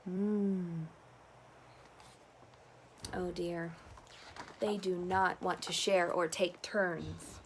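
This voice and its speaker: A woman reading a picture book aloud to toddlers, animated and coaxing, with simple questions and playful sounds. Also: lowish voice, drawn-out words, long pauses, a little hiss or hum. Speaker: storyteller reading a picture book to young children.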